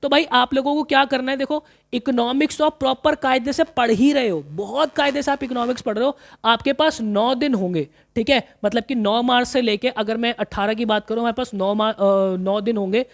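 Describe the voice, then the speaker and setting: A man's voice: extremely high pitch, fairly even intonation, a little fast, vocal fry, few pauses. A man coaching commerce students through exam planning in a casual, chatty way, often repeating himself and calling listeners brother. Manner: chatty, repeats phrases, calls listeners brother, mixes in English terms.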